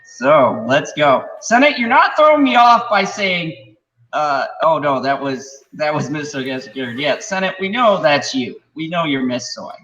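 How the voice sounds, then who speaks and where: A man's voice: a little high, expressive, unhurried, sharp tone, dull audio. A man hosting a casual live reaction stream with sarcastic, sweary, teasing chat, sounding like he is in an empty warehouse. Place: echoey, empty-sounding room. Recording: echo like an empty warehouse, clear background noise.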